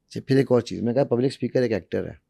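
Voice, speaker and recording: Mellow-voiced man coaching on speaking. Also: mid-range voice, fast, creaky, no echo. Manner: demonstrative, uses repetition and acted examples. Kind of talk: animated explanatory talk.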